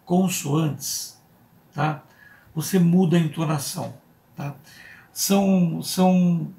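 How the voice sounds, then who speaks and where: A Brazilian pastor teaching a church Bible school class, explaining step by step and often checking in with "né?" and "tá?". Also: male voice, a little high, creaky, darkish tone. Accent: Brazilian Portuguese. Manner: slow, deliberate, spells out letters. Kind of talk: Bible study lesson.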